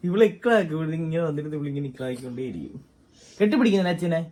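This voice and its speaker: A woman with a low voice chatting in a family vlog. Her tone swings widely as she coaxes a toddler in sing-song baby talk. Her pitch rises and falls all through. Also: animated, very fast, warm tone. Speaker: parent vlogger.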